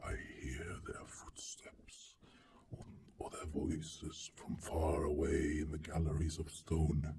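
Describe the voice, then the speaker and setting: A man performs a proud, lonely monster in a literary monologue, extremely deep and slow, with heavy creak. The delivery is hammy and stagey, grandiose yet childlike, swelling and dropping into hushes. It is picked up from a distance with faint noise. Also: monotone, whispered, heavily acted. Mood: grave, awed. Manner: haughty, pompous. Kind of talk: dramatic reading of a literary monologue.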